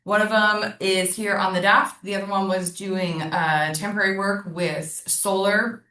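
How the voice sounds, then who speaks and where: A woman's voice: mid-range voice, steady tone, unhurried, bright, forceful tone. American woman consultant, giggly and chatty, roomy and off-mic. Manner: bubbly, says "like" a lot, laughs often. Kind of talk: casual group video call. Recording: roomy sound from far off the mic.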